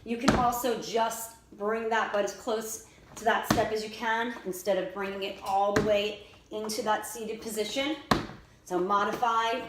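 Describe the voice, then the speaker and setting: A woman's voice: mid-range voice, steady tone, normal speed. A woman fitness instructor giving directive, step-by-step workout instruction and exercise cues. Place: indoors by a staircase. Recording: echoey room with faint noise.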